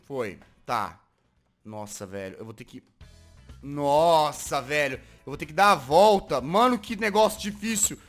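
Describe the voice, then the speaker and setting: A man with a Brazilian Portuguese accent giving excitable Minecraft parkour gameplay commentary as a gaming video host. He swings from muttering to frustrated yelling. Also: on the high side, measured pace, faint music behind.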